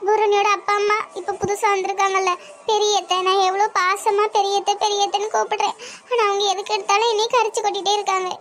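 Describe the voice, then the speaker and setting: High shrill young cartoon girl, weepy and pleading, voiced by a woman. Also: fairly even intonation, measured pace, background noise. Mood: upset. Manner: pleading, upset. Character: young woman, tearful and worried. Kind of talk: animated family drama dialogue.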